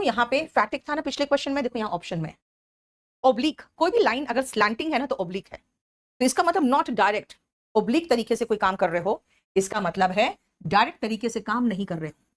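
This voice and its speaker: Lady teacher with indian english accent, kinda high voice, explains words slow and keeps asking students if it's clear. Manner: explains each word slowly, checks in with students often. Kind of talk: exam-prep vocabulary lesson.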